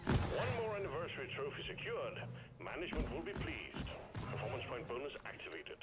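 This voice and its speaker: An actor playing a stern, exasperated mission control officer in a video game, officious and emphatic over a radio. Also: male voice, mid-range voice, big pitch swings, a little fast, loud music behind the voice. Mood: businesslike.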